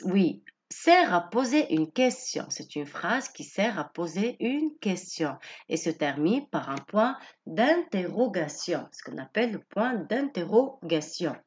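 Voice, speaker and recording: Slow, patient woman teaching grammar. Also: on the low side, highs cut off. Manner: patient, explains slowly with many rephrasings. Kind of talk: French grammar lesson.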